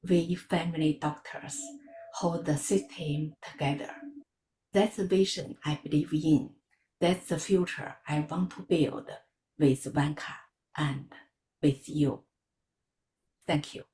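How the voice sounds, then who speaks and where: A woman from China giving a prepared campaign speech in a measured, earnest way. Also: low-pitched, steady tone, mellow, roomy sound, a little hiss or hum. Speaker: election candidate.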